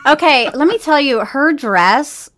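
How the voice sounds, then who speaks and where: A woman with a fairly high voice gives blunt, opinionated takes on a film. Her pitch moves a lot as she reacts in a casual podcast chat. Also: lively intonation, measured pace, a bit bright. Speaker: film review panelist.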